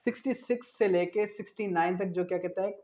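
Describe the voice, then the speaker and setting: A high-pitched, dark-toned man with a Pakistani accent talks fast through an explanatory law lecture, raising questions he then answers himself. He alternates between Urdu and English terms, and the audio has a dull, lo-fi lecture quality.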